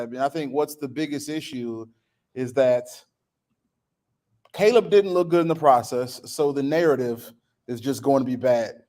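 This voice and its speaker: Blunt man with a higher voice. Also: darkish tone. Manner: blunt, slangy. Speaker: sports show panelist. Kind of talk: casual sports talk.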